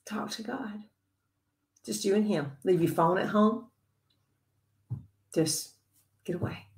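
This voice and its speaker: A woman giving a devotional Bible teaching to other women, earnest and conversational, sometimes dropping to a soft whisper. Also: medium pitch, takes it slowly, reverberant.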